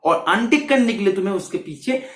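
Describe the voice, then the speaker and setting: A man's voice: sits high, animated, brisk, a bit bright. Man teaching maths in an echoey room. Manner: keeps checking in with "see" and "okay", repeats phrases. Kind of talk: exam-prep lecture. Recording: roomy, echoey sound.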